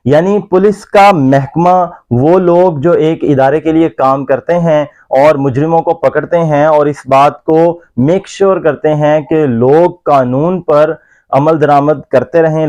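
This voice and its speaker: A man gives a YouTube pronunciation lesson, taking his time and spelling words out letter by letter. His voice sits a little high for a man yet sounds mellow and dark. He draws out each English example slowly and deliberately. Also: dull audio. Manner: slow, careful, spells words out and over-articulates English examples.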